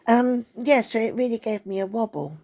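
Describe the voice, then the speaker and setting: A woman's voice: on the high side, expressive, moderate pace, dark tone. An older woman chatting at home to her viewers, rambling through a story with asides to her dog. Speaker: vlogger. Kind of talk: casual chat to camera. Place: at home, indoors.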